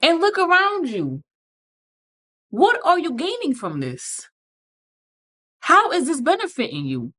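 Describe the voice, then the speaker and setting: A woman's voice: sits high, wildly swooping pitch, slow, long pauses, fairly bright tone, slightly rough. A woman hosting a podcast, giving blunt, profane motivational advice with emphatic repetition and frequent check-ins with the listener. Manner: repeats points with frequent "okay?" check-ins. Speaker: podcast host. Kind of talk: motivational casual talk.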